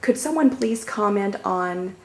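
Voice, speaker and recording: A woman interviewing, chatty and enthusiastic, with quick asides. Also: mid-range voice, animated. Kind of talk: casual interview. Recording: echoey room with faint noise.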